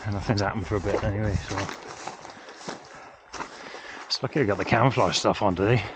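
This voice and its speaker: A man's voice: fairly low pitch, a little fast. A man with a British accent chats informally and off the cuff as he films a camping vlog outdoors. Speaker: camping vlogger. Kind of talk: casual outdoor vlog chat. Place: outdoors in farmland and woods. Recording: clearly noisy outdoor field recording.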